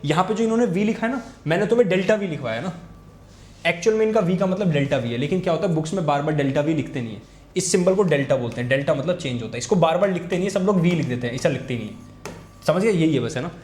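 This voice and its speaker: Young male tutor, rapid and insistent, bright pitch, recorded in an echoey room. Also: expressive. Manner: repetitive, urging students to pay attention. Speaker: physics teacher. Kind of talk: fast Hindi tutoring lesson with board writing. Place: room, recording a class video.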